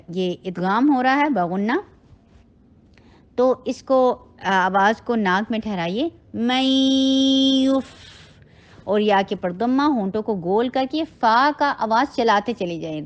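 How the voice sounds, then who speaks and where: A woman teaching tajweed, reciting words slowly and drawn out, then briskly explaining how to shape each sound with the lips and throat. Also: mid-range voice. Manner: instructive, gives step-by-step mouth and throat directions.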